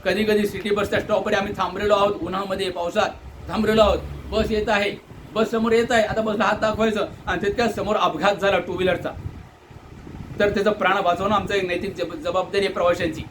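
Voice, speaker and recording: A man from delivers an earnest complaint monologue, asking indignant rhetorical questions and mimicking shouted orders. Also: high voice, steady tone, fast, a little hiss or hum, rough recording. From India. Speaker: Buddhist monk airing commuter complaints. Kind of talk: direct-to-camera complaint monologue.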